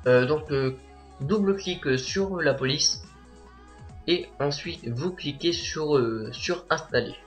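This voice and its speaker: A teenage boy narrating a software tutorial as a voice-over, hesitant and full of filler sounds. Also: a little high, takes it slowly, soft background music. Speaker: tutorial maker.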